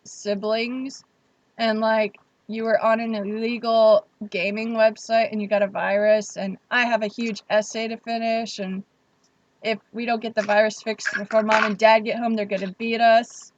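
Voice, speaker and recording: A young woman hosts a livestream in a chatty, rambling way, often reading her viewers' comments out loud. Her voice sits a little high. The sound is dull and lo-fi. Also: flat delivery, moderate pace, a little hiss or hum. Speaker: livestream host. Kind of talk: casual livestream chat.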